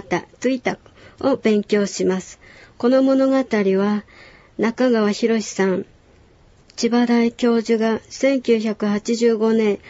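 Calm woman explaining a language lesson. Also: on the high side, no room sound, lo-fi sound. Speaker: language instructor.

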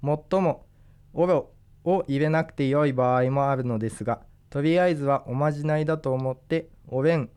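A man teaching a language lesson, explaining grammar and example sentences slowly and carefully. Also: a little high, a little mellow, clear, resonant tone. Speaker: language instructor.

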